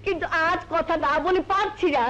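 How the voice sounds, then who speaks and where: A woman's voice: very high-pitched, fairly quick, fairly bright tone, highs cut off. An actress playing a village mother in a melodramatic film, scolding one son and soothing the other. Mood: tearful. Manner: reproachful, then tender and soothing. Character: a stern but loving village mother. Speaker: mother of the brothers.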